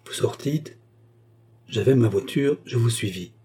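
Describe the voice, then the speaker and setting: A man's voice: mid-range voice, measured pace, warm tone, breathy edge. A man voicing a passionate, remorseful woman courtesan in an audiobook, pleading and impassioned. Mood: confessing.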